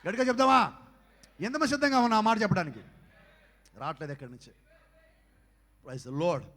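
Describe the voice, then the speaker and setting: A man preaching a youth sermon, firing rhetorical questions at the crowd and swinging between soft asides and loud exhortation. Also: sits high, expressive, fairly quick. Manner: fires rhetorical questions at the audience. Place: youth camp meeting hall. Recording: echoey hall with long reverb.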